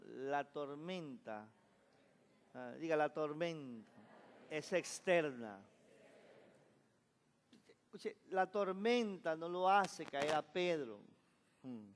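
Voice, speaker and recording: A man's voice: fairly high pitch, slight background noise. A man preaching a Sunday sermon as pastor, leading the congregation in repeating phrases, calling them brother and slipping in jokes. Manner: call-and-response preaching, addresses listeners as brother; joking asides with laughter. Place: church sanctuary. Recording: echoey church hall.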